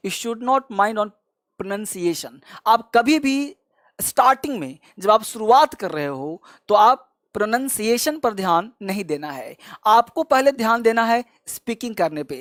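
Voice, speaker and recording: A man teaching spoken English who says each phrase slowly and then repeats it, calling his viewers friend and child. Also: very high-pitched, fairly bright tone, no echo, clean studio sound. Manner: drills phrases slowly and repeats them for learners. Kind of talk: classroom-style language lesson.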